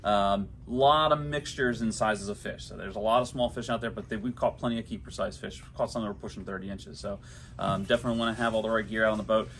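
A man's voice: fairly low pitch, steady tone, quick pace, a bit bright, a little hiss or hum. A young man working at a tackle shop, giving easygoing practical fishing advice with frequent ums. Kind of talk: casual shop fishing report. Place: inside a tackle shop, amid glass display cases.

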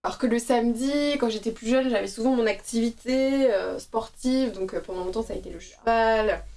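A woman in her thirties with a bright, high voice rambles casually to her live-stream viewers, full of fillers and little asides. She sounds worn from sleepless nights, and her voice sits a step back from the microphone. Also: fairly quick, distant mic. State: tired from night feedings. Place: at home, doing yoga on stream.

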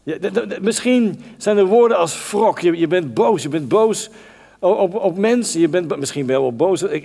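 A man's voice: high-pitched, gravelly, darkish tone. A man preaching a conversational sermon, talking directly to the congregation and acting out the Bible voices. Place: church hall. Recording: long church reverb.

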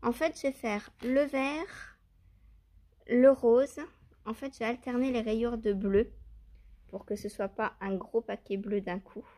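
Warm in tone and on the high side, the voice has fairly even intonation and a slightly slow pace. It belongs to a knitting vlogger choosing yarns at home among her stash, chatting casually to viewers on a handheld phone as she muses hesitantly, with many fillers and self-questions.

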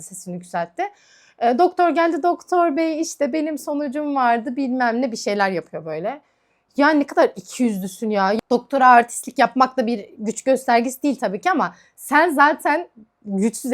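A woman vlogger chatting casually while doing her makeup, ranting in a heated, frank way. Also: a little high. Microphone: camera mic.

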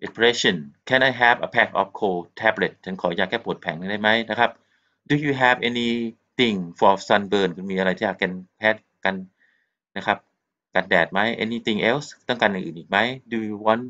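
A man from Thailand, speaking with a Thai accent in a fairly low, sharp voice, goes a little slowly through a recorded textbook lesson in English. He mixes Thai with English as he explains and repeats polite particles, all on a muffled lo-fi recording.

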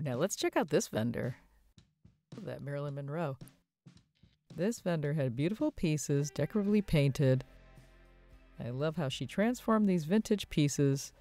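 Gushing woman with a lively voice. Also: low voice. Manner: enthusiastic, gushing. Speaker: home decor vlogger. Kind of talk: casual shopping vlog voice-over. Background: soft guitar music.

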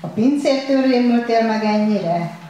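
A woman's voice: fairly high pitch, dark tone, lo-fi sound, voice pushed up, lightly acted. An earnest, puzzled diner speaks up for his friend, as a woman reads him aloud. The voice carries through a very echoey room with faint noise behind. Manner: surprised, earnest. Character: puzzled man dining with a friend. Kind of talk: read-aloud story.

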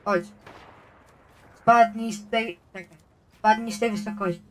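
A woman's voice: a little high, fairly even intonation, a little slow. A woman chatting casually and playfully while gaming, slipping into mock role-play. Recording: loud noisy game audio, clicks.

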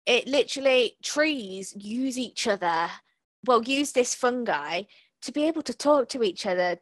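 Slow, reflective woman on a video call. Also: fairly high pitch, no echo. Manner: reflective, rambling, many fillers and laughs. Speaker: podcast co-host and artist. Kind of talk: casual talk about her artwork.

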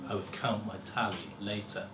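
Male reader, middle-aged, for live short fiction: theatrical, measured delivery in an echoey room, distant mic, slight noise. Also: on the low side, level tone, fairly bright tone. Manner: theatrical, deliberate, with pauses and swelling emphasis. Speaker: story reader at a live festival. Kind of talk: dramatic first-person story reading. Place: small lecture room with seated audience. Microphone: far camera. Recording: roomy, distant camera mic, faint hiss.

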